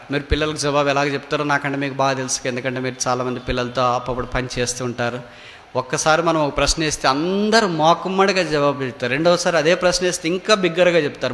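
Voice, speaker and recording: Telugu-accented preacher, bright forceful voice, slightly high, booming hall reverb, big swings in loudness. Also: male voice. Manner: swings from loud rising cries to low quiet asides. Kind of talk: sermon with acted story. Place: prayer hall.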